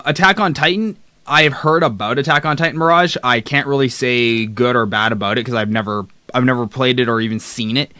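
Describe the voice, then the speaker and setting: A man's voice: medium pitch, pushed and bright, no room sound. A young man streaming live, chatting casually and rambling through a list of games while reading the chat aloud. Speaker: streamer host. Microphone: desk mic close up.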